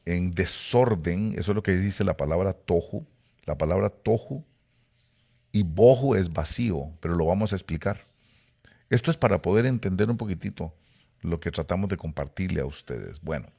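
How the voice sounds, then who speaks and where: Male pastor, deep gravelly voice, explanatory Bible teaching full of fillers and restarts. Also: darkish tone.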